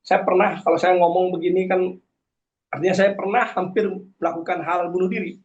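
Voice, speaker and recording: Man, 40s, fairly high voice, earnest guest testimony, preachy with hesitations, dull lo-fi recording. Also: level tone, fairly quick, a little mellow. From Karangasem, Bali. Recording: dull lo-fi sound.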